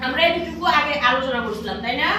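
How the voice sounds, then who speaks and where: A woman's voice: high voice, animated, fast. A woman teaching a classroom lesson, asking questions and repeating answers for pupils to echo. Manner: repetitive, drills pupils with questions. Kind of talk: classroom lesson with call-and-response. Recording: echoey classroom from far off, noisy.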